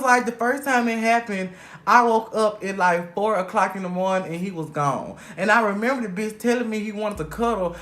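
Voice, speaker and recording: A young man telling a personal story straight to camera in a casual, animated way, swearing freely as he goes. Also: sits high. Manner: animated, heavily profane storytelling.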